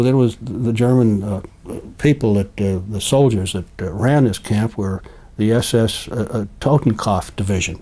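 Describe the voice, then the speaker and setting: An elderly American man, a war veteran remembering his service in an interview, speaking in a halting, deliberate way with repeated words. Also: on the low side, warm tone. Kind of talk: recollecting war experiences in an interview.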